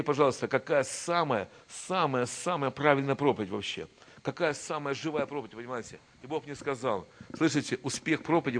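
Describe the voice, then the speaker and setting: A man preaching a sermon to his church, constantly repeating asides and leading the congregation in call-and-response. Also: mid-range voice. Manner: builds to loud shouted proclamations. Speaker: pastor.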